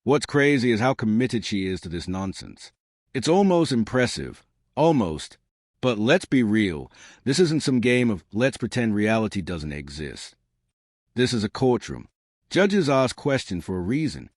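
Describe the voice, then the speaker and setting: Hosting a scripted reaction video for his reaction channel, a man gives hyped-up, mocking commentary with emphatic delivery. His voice is on the low side and very animated, at normal speed, in studio quality with no room sound.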